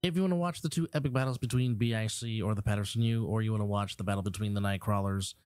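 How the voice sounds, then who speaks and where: A man's voice: on the low side, fast talker, a little mellow, a little hiss or hum. A man co-hosting a sports podcast, reading off viewing options in an upbeat, promotional way. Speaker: podcast co-host. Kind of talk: casual podcast talk.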